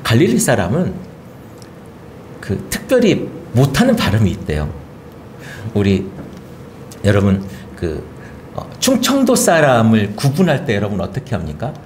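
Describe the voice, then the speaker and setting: A male pastor giving an animated sermon, often acting out the lines of the people he talks about. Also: on the low side, unhurried, pauses often, slight background noise. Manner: animated preaching, acting out quoted speech.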